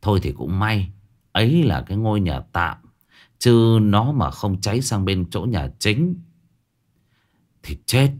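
A man narrating a ghost story in a lively, colloquial way. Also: fairly low pitch, measured pace, long pauses.

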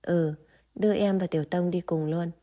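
A calm, dominant young husband speaks in slow, measured lines, read by a woman. The voice is mellow and dark-toned, with an even, unhurried delivery. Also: on the low side, lightly acted.

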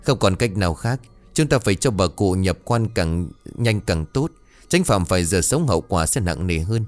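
Guy doing a stern old ritual master in a ghost story, low voice, warns gravely. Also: animated, moderate pace, no echo, faint music behind. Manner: solemn, warning.

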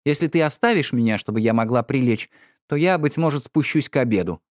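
Man doing a raised, overwrought young lady, sharp and exasperated, audiobook, dry close sound. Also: medium pitch, animated, brisk, no echo, voice pushed up, close to an everyday voice. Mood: cold, weary. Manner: sharp, exasperated, near-hysterical outbursts. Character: irritable, distraught young noblewoman. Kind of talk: audiobook character reading.

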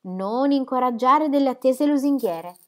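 Woman reading as a sharp, teasing young woman. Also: sits high, expressive, a little slow, pitched above the performer's own voice. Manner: teasing, affectionate. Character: young woman, sharp-witted loving daughter.

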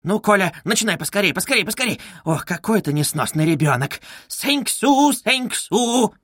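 A man's voice: expressive, moderate pace, a bit bright, breathy edge, no echo, studio quality, heavily acted. A man reading aloud and voicing a proud, frantic middle-aged widow who wails and scolds. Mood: scolding. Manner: shrill, wailing, haughty.

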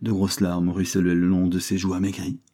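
A man reading a classic novel aloud in a measured, expressive way. His voice sits low and mellow, with a husky grain. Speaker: audiobook narrator. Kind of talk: scripted narration.

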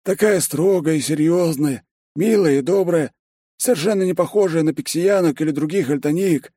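A man's voice: on the high side, moderate pace, warm tone, breathy edge, dry recording, clean studio sound, voice pushed up. A man voicing a cheeky male half-pixie secretary in an audiobook, with a teasing, coaxing, nonchalant manner. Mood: dreamy. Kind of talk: audiobook character voice.

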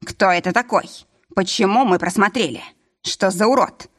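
A woman's voice: mid-range voice, moderate pace, fairly bright tone, close to an everyday voice. A vicious gang member in a storybook who snarls one angry question after another. His voice stays near the reader's own, as a woman puts him on. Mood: furious.

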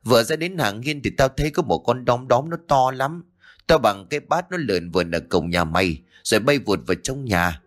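A man's voice: medium pitch, expressive, fairly quick, close to an everyday voice. A man voicing an old village chief in a ghost story, his speech shaky and stammering with fear. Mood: terrified. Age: older.

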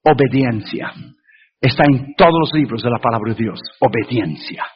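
A man's voice: medium pitch, fast talker, highs cut off, a little hiss or hum. A man preaching an evangelistic sermon as a pastor, telling a dramatic story and hammering his points home by repeating them, slipping between Spanish and English. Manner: emphatic, repetitive preaching.

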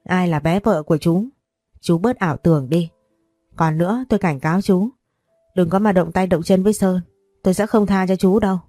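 A woman's voice: fairly low pitch, normal speed, mellow, no echo, studio quality, soft background music, lightly acted. Woman voicing a defiant teenage girl. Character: sassy fifteen-year-old girl.

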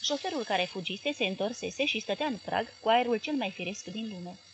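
A woman with a Romanian accent reading a literary novel as an audiobook narrator, in measured, clear narration. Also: medium pitch, expressive, a little hiss or hum.

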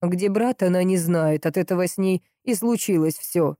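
A woman voicing a creaky-voiced old woman on the phone who talks slowly and grumbles. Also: on the low side, warm tone, dry recording, clean studio sound, lightly acted. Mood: grumbling.

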